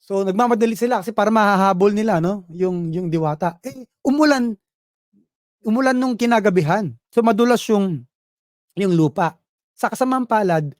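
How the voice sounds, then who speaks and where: A man giving a motivational business presentation, telling a fable in a lively way and often checking in with the audience. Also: high-pitched, dry recording, clean studio sound. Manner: lively storytelling, asks audience "Tama?".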